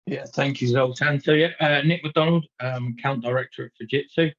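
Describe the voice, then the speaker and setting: A man's voice: mid-range voice, steady tone, a little fast. A man introducing himself as a panelist, hedging with many ums, on muffled call audio.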